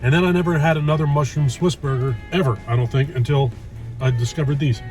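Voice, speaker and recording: A man's voice: a little high, fairly even intonation, fast, a little mellow, soft background music. A man in his early fifties chatting casually while eating, chewing as he talks, in a blunt, exasperated, ranting way. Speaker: host of food review vlog. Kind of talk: casual chat.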